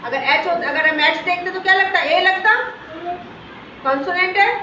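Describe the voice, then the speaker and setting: A woman's voice: extremely high pitch, normal speed, pushed and bright, dull audio, a little hiss or hum. A woman teaching a class, asking the pupils question after question as she explains. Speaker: schoolteacher. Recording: very echoey classroom from far off.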